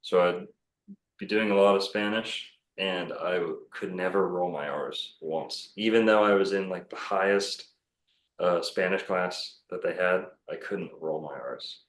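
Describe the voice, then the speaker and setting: Speaking a little slowly in a low, reverberant voice, a man appears as a podcast guest who owns a bookstore. His talk is casual, rambling and self-assured, full of fillers and restarts.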